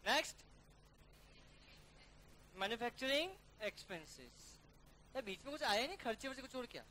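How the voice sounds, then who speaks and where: A male accounting teacher giving a classroom lecture, briskly coaxing students to call out figures and mixing English terms into his talk. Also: extremely high pitch, very animated, bright, forceful tone, a little hiss or hum. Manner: calls students "beta" and "yaar". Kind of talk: classroom lecture working through a problem.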